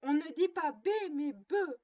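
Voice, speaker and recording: A woman's voice: high-pitched, measured pace, muffled recording. A woman reading a storybook, voicing a little girl who sternly plays mother to her doll, prim and lecturing. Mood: scolding.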